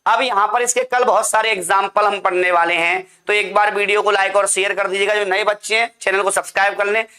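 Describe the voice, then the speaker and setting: A man's voice: high-pitched, steady tone, quick pace, sharp tone. A man teaching an online class, drilling points with repeated questions and answers and calling his students "beta".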